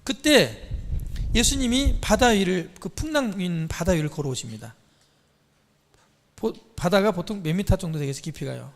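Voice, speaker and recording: Animated high-voiced man preaching in a hall. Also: normal speed, gravelly, long pauses. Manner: animated storytelling, quizzing listeners. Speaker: church teacher. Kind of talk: sermon to a congregation.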